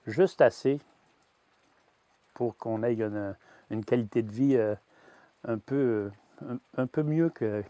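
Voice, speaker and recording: A grain-fed veal farmer from Quebec in his sixties gives a personal testimony in Québécois French. He's hesitant, full of "euh" fillers and restarts, and his mid-range voice is mellow, with no room sound.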